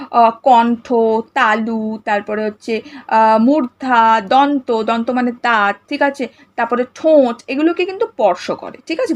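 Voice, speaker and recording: A woman with a West Bengal accent teaches grammar to young pupils, her voice sitting high. She goes over each point patiently and repeats it. She keeps checking in with questions to the listener. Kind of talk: grammar lesson for primary pupils.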